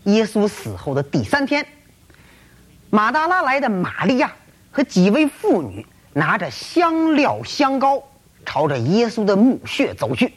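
A woman's voice: medium pitch, huge pitch swings, a little slow, slightly rough. A woman telling a story in a dramatic, colloquial storytelling style full of exclamations. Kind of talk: traditional storytelling.

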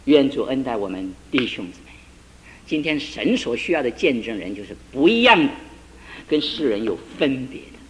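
A male preacher tells a story in a sermon and slips into the voices of the people in it. His pitch moves in wide, lively swings and climbs at the emphatic peaks. Faint noise sits under the recording. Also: moderate pace, rough recording. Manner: retells the couple's dialogue with shifting tones, rising to emphatic climaxes.

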